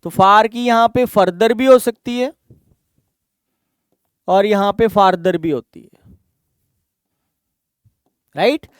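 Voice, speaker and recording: A man's voice: sits high, slow, long pauses, smooth, dry recording, studio quality. A man with an Indian accent teaching an exam-prep grammar lesson, explaining step by step and checking in with the students. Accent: Indian English. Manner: explains patiently, asks rhetorical checks.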